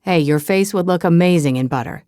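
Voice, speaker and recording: A woman voicing a friendly, playful young man in an audiobook, with a lowered voice. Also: a little fast, dark tone, no room sound, clean studio sound, close to an everyday voice.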